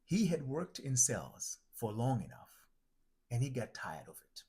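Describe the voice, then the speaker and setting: A Tanzanian man who coaches people through identity transformation delivers a reflective motivational teaching talk, looping back to restate his points. His medium-pitched voice is very animated, a little slow, and warm with a breathy edge. He repeats and restarts phrases as he builds each idea.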